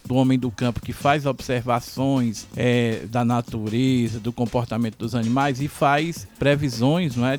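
A man's voice: medium pitch, darkish tone. A man being interviewed on the radio, speaking formally and explaining at length with frequent tag questions. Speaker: guest, college research coordinator.

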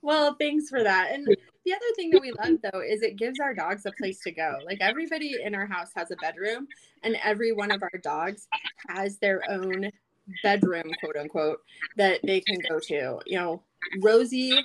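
A woman's voice: medium pitch, lively intonation, moderate pace, rough recording. Chatty woman guest in her forties. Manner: cheerful, chatty, uses fillers. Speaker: guest, small business owner. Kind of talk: casual podcast interview.

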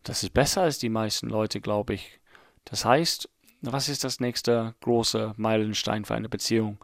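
This late-thirties man from England, a native English speaker, hosts a casual solo podcast in German with an English accent, thinking out loud as he rambles and laughs at himself. His fairly low voice is creaky and steady, a little slow, recorded dry at studio quality.

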